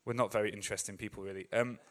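A man's voice: on the low side, steady tone, rapid-fire. Chatty Englishman preaching. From England. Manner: chatty, joking asides to the audience; acts out optimists' voices with rising energy. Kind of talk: sermon.

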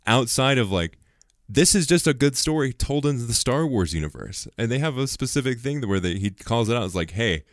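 A man co-hosting a podcast in casual chat, acting out quotes in quick asides. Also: medium pitch, animated, dry recording, clean studio sound. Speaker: podcast co-host.

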